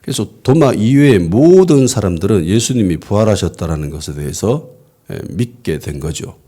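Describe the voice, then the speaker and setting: A pastor preaches in a lively, conversational way, throwing rhetorical questions at the congregation. His low voice rises and falls a lot. It has a husky, mellow tone. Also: moderate pace. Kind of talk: conversational sermon. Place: church worship service.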